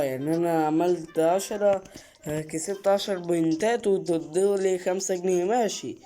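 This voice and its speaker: Excitable Egyptian man narrating gameplay. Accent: Egyptian Arabic. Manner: excitable, repeats short exclamations, bursts into high yelps. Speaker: gaming channel host. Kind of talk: let's play commentary.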